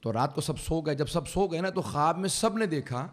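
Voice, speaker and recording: A man with a high-pitched voice delivers a mourning sermon in a hall. He tells the story slowly and with grief, and his voice swells at times into anguished cries. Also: expressive. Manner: slow grieving storytelling, rising to cries. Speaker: preacher. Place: religious centre hall.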